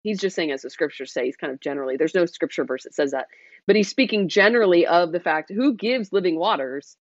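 A woman hosting an online Bible discussion, talking through scripture in a relaxed, chatty way, with frequent fillers and "right?" tag questions. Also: fairly low pitch, fast talker, no room sound, muffled recording. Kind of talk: casual scripture commentary.

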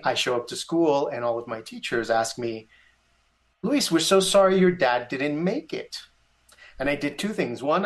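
A man from Mexico telling a story from his youth in casual conversation, with lively pitch jumps on key words and frequent restarts. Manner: animated, rising pitch on emphasis, self-correcting restarts.

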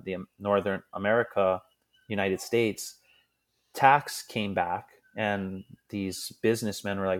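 A man from Hawaii with a lowish voice talks as a podcast guest in a relaxed, conversational way. He is earnest and loose, and he slips into quick little voices for the people he quotes. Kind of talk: casual conversational storytelling.

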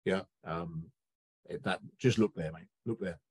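A middle-aged man, a guest on a podcast, talking about coaching in a relaxed conversation and telling stories with quick quoted voices. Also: deep voice, husky, no room sound. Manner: animated storyteller, acts out quick quoted voices.

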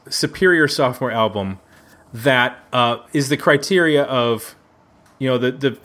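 Here a man with a mid-range, fairly bright voice is heard. He's a Buffalo, United States podcast host presiding over a casual music round table at a neighbor's house indoors, with a chatty, joking style and frequent self-corrections.

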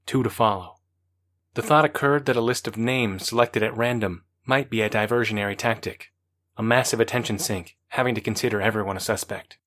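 A man reads an audiobook in a steady, matter-of-fact way. His voice sits at a middling pitch and holds an even, measured delivery. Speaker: audiobook narrator. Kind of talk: scripted narration.

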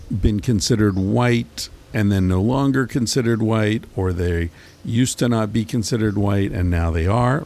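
Gravelly low-voiced man rambling casually. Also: a little mellow. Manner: rambling, profane, with many fillers and restarts. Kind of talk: casual monologue.

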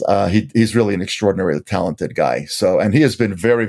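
A male host introduces his guest and poses questions in a measured, courteous manner. His voice sits on the low side. He speaks in an even, explanatory way. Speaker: interview host. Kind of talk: formal introduction and interview questions.

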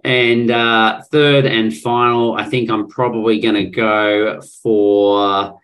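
A man's voice: on the low side, flat delivery, takes it slowly, a bit bright. A man co-hosting a rugby podcast, bantering in a cocky, playful way. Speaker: podcast co-host.

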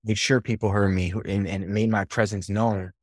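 Man, low voice, casual interview guest, lively storytelling, dry recording. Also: moderate pace, dry recording. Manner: animated storyteller, swears casually. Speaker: podcast guest, sales leader and coach.

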